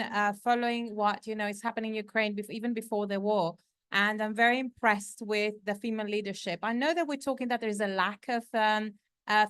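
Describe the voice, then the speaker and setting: A woman from Greece speaks on a conference panel, chatty and enthusiastic, with plenty of ums along the way. Her voice is smooth and clear, and the sound is dry and close. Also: mid-range voice, fairly bright tone, dry recording. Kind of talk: panel discussion.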